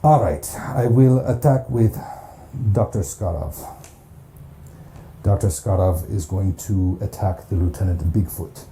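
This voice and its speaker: A man's voice: low voice, a little slow, vocal fry, warm tone, slight background noise. A man narrating a solo board game campaign, counting dice aloud in a chatty, self-mocking way. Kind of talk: casual play-through narration.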